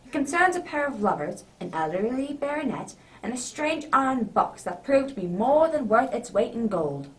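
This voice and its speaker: A woman's voice: on the high side, very animated, normal speed, few pauses, distant mic, background noise. A woman playing a genial, contented old male doctor telling stories by the fireside in a radio drama. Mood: storytelling.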